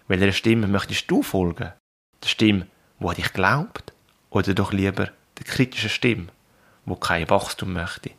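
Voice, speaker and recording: A man with a Swiss German accent, calmly narrating a reflective podcast and coaching the listener directly. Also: on the low side.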